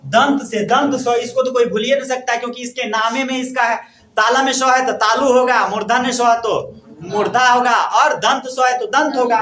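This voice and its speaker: Male teacher, very high voice, repetitive question-and-answer drilling, echoey room. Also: fairly bright tone. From India. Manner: asks questions and answers them himself, repeating each point. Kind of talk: classroom grammar lesson.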